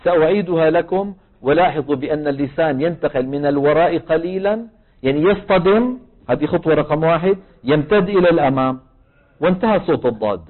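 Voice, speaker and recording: Levantine teacher with a thin, phone-like sound. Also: male voice, fairly high pitch, animated, fast talker. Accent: Levantine Arabic. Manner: explains patiently, asks the class questions and answers them himself. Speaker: Quran recitation teacher. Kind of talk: tajweed lesson.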